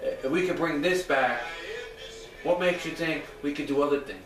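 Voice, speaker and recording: A man's voice: on the high side, normal speed. A man tossing in speculative asides during an easygoing conversation. He is picked up from across a reverberant room. Music plays in the background. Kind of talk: casual chat. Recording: roomy distant mic with music.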